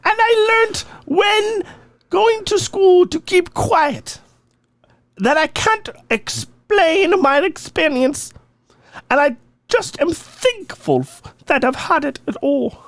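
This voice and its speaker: A man voicing an older Irish woman who slowly and earnestly tells of her encounters with fairies, in a put-on Irish accent. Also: extremely high pitch, animated, fairly bright tone, no echo, voice pushed up, full character voice. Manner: slow, earnest storytelling. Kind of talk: dramatic reading of listener stories.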